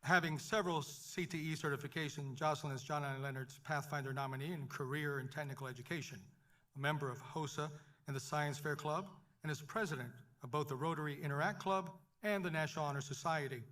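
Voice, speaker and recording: A man's voice: a little high, steady tone, a bit bright. Man announcing at a podium microphone. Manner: measured, formal reading of honors. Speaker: ceremony presenter. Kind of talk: formal ceremony announcement.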